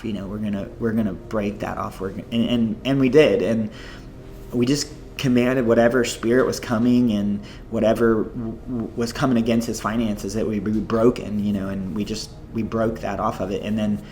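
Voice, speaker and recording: A man's voice: on the low side, a little hiss or hum. Man telling vivid stories. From United States. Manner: animated, chatty storytelling full of "like" and "you know". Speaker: missionary guest. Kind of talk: storytelling interview.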